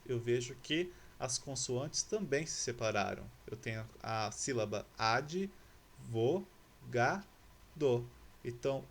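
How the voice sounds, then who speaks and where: A male Brazilian Portuguese grammar teacher giving a lesson to schoolchildren, patiently spelling out letters and syllables. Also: medium pitch.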